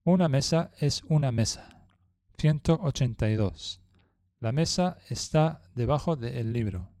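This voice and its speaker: A man working through numbered practice sentences at a deliberate, unhurried pace. His tone is mellow and dark, and the recording is dry and close, with no room around it. Each line comes out plain and measured, like a teacher's drill. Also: mid-range voice, expressive, dry recording. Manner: reads each numbered sentence slowly and evenly. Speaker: language teacher. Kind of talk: slow numbered phrase drill.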